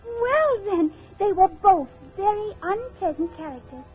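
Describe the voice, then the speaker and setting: A woman's voice: very high-pitched, lively intonation, a little slow. A woman voicing a prim, curious young girl in a storybook recording, polite and earnest. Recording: tinny old record with faint music.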